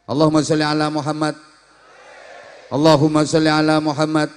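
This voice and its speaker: A man's voice: on the high side, fairly quick, slight background noise. A man giving a humorous sermon, acting out different greetings and teasing his listeners. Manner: lively, acts out greetings in many voices, teasing the audience. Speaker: preacher. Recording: long hall reverb.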